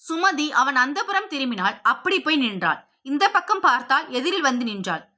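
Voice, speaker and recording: Woman reading a story aloud, high voice, steady and expressive. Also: fairly quick. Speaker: audiobook narrator. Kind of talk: scripted story narration.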